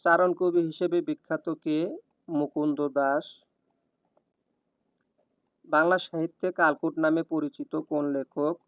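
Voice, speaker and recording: A man reading exam questions and their answers one after another in an even, steady cadence, like a tutor. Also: on the high side, slow, pauses often, dry recording. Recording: tinny, dry, phone-like sound.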